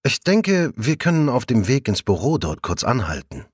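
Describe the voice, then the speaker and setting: A man's voice: medium pitch, sing-song, normal speed, husky, no echo, clean studio sound, pitched above the performer's own voice. A man voicing a chatty, cheerful female police colleague. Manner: chatty, giggly.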